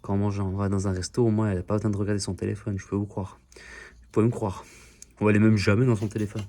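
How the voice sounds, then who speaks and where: A man's voice: lowish voice, little pitch movement, fast, mellow, slight background noise. A man filming himself on a phone while working on his car, chatting nonstop in a joking way and swearing often. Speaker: DIY car repair vlogger. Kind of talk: casual chatty self-filmed video. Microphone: phone camera.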